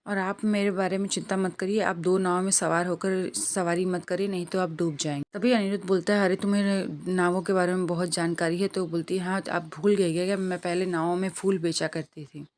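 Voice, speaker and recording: A woman's voice: lowish voice, darkish tone. A woman casually retelling an upcoming soap episode, reading the characters' lines aloud in her own voice with small slips. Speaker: TV serial recap narrator.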